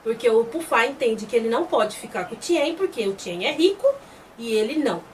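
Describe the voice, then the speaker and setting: A woman's voice: fairly high pitch, lively intonation, a little fast, a little mellow. Chatty woman, a bit off-mic. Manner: chatty retelling that voices the characters' lines. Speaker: host reviewing a TV series. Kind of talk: casual episode recap. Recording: slightly distant mic with faint background noise.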